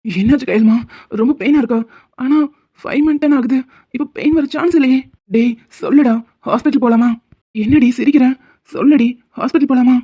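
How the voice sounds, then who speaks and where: A woman voicing a teasing, doting young husband in an animated cartoon who worries easily. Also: sits high, fairly quick, pauses often, breathy edge, no room sound, lo-fi sound. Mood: worried doting. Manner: teasing, fussing, affectionate.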